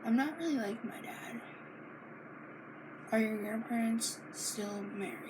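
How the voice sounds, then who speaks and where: Seated for a casual Q and A, a young vlogger from Maine, United States, reads questions out loud in a slightly high voice. Her delivery is slow and halting, with plenty of fillers and restarts, and background noise from her home setup is easy to hear.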